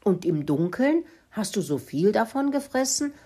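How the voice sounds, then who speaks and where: A woman voicing a wise, stern male tomcat in a children's story who lectures the others, husky voice. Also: medium pitch, big pitch swings, normal speed, mellow, voice pushed up. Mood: lecturing.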